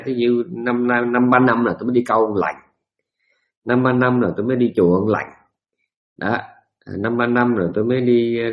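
A man delivers a Buddhist dharma talk. He teaches in a folksy, storytelling way, dropping humorous asides. His voice sits at an ordinary middle pitch. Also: muffled recording.

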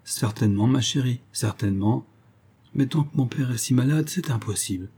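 A man voicing a young melancholy heir of an old castle in a storybook reading, speaking in a pensive, low-voiced way. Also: normal speed, warm tone, husky.

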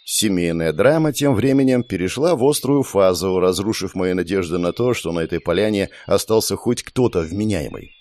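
A man narrating a first-person audiobook in a steady, even storytelling manner. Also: low voice, normal speed, hardly any pauses, no echo.

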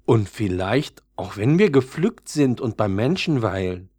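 A man's voice: fairly low pitch, big pitch swings, a little slow. A man voicing a doubting old violet. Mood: musing. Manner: hesitant, musing, soft. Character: older doubting violet flower, thoughtful, gentle.

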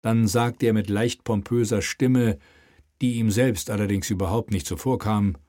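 A man reading a historical novel aloud in measured, scripted narration. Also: fairly low pitch, steady tone, darkish tone, dry recording, clean studio sound. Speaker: audiobook narrator.

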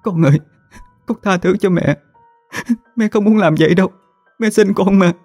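A man's voice: sits high, normal speed, darkish tone, faint music behind, voice pushed up. A man voicing a terrified, guilt-ridden young mother who stammers and pleads through tears. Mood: pleading, sobbing. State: crying.

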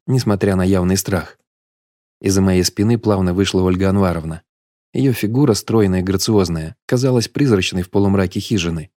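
Deep-voiced male audiobook narrator. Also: dry recording, studio quality. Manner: steady, measured storytelling.

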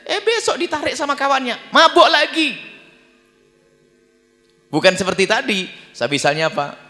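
A man preaching an Islamic sermon, lively, often dropping into a low mumbling voice to act out people's prayers. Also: normal speed. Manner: animated, acts out quoted prayers in a low mumbling voice. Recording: long reverb of a large hall.

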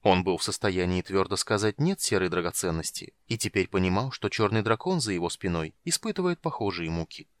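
Low-voiced man reading a fantasy audiobook. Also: fairly quick, few pauses, no echo. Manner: lively, dramatic delivery. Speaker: audiobook narrator.

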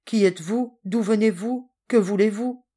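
Woman as prickly male servant, sharp, storybook. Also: mid-range voice, moderate pace, pitched above the performer's own voice, lightly acted. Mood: indignant. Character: indignant male house servant, suspicious.

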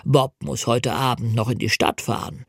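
A man's voice: medium pitch, fairly even intonation, moderate pace, creaky, husky, no echo, clean studio sound. A man reading the part of a cold, calculating old spy mastermind, icy, sly and commanding.

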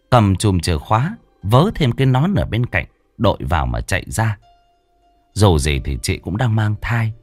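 A man tells a ghost story with a dramatic, lively rise and fall in his voice. He is recorded close and dry. Soft music plays faintly underneath. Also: lowish voice, dry recording.

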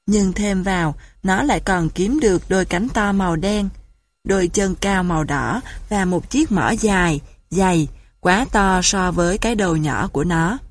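A woman reading a children's storybook aloud in a calm, even narration. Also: fairly low pitch, moderate pace, no echo. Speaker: audiobook narrator.

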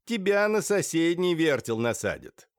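A man voicing a shrill, hysterical middle-aged woman who hurls venomous insults. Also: big pitch swings, measured pace, smooth, dry recording, clean studio sound. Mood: furious, spiteful. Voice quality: shrill, screeching. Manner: venomous insults, theatrical outbursts.

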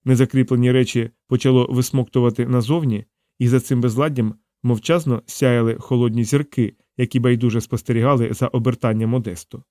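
Dark-voiced man narrating an audiobook. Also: medium pitch, little pitch movement, a little fast, hardly any pauses, no echo, clean studio sound.

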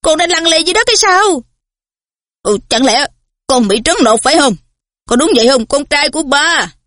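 A bellowing, hot-tempered middle-aged father from a storybook, put on by a woman reader. He roars threats in a raised, strained voice that stays pitched high. The recording is close and dry. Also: animated, normal speed, fairly bright tone, dry recording. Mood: angry.

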